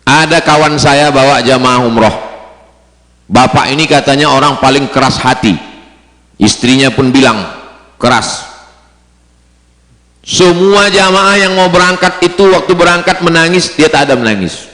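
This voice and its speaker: A man's voice: normal speed, pauses often. Preacher man in a roomy hall. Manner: rises into high chanted Arabic phrases, then drops low and quiet. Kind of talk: sermon to pilgrims. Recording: echoey hall sound.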